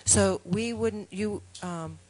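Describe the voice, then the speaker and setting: Deliberate woman questioning at a town board. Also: mid-range voice, warm tone, low-quality recording. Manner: deliberate, questioning, hesitant with fillers. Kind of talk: public meeting questioning. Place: town meeting room.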